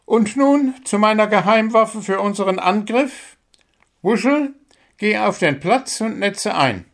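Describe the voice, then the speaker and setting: A storybook reading features a tiny bird football coach whose shrill, piping voice scolds and sarcastically mocks his players. It's a full character voice, loud, firm, creaky and well above normal pitch, delivered a little slowly with lively intonation.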